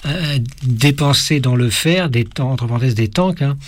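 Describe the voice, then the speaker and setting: A man's voice: medium pitch, normal speed. A man co-hosting a spoken lesson, chatting casually with many halts and restarts. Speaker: co-host. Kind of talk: casual chat.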